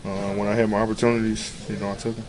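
A young man in his twenties, a basketball player giving a low-key postgame interview in a locker room, filler-heavy and matter-of-fact. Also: very fast, background noise. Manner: low-key, flat, many "you know" fillers. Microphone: handheld reporter mics close to face.

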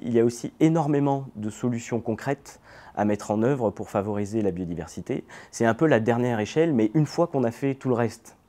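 A middle-aged man explaining things, an ecologist presenting a lesson and often pausing on fillers. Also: medium pitch, mellow. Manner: hesitant, many fillers. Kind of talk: educational explanation.

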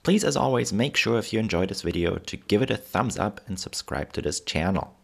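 A man's voice: on the low side, animated, a little fast, vocal fry, fairly bright tone, husky. A man with a German accent narrating history from a script as channel host, pronouncing w as v.

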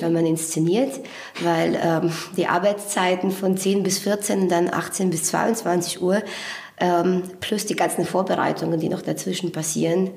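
A woman author and theatre director speaks as an interview guest in a fairly low voice. She answers in a thoughtful, hesitant way with many fillers, and the studio sound is roomy. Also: gravelly, darkish tone.

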